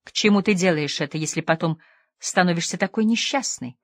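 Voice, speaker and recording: A sharp, skeptical young woman, as a woman reader puts her on, firing off pointed questions. Her voice sits low, and the audiobook sound is dry and close. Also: brisk, no echo, lightly acted. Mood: questioning. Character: young woman, torn between disgust and curiosity.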